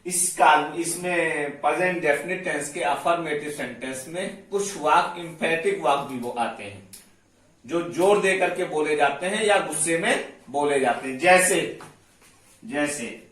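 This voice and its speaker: A man with a slightly high voice teaches grammar at a very slow, deliberate pace. He goes over each rule step by step and says every example twice. His voice sounds distant from the mic in a strongly echoing room. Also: a bit bright. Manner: explains step by step, repeats examples slowly. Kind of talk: slow classroom explanation. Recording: very echoey room, voice away from the mic.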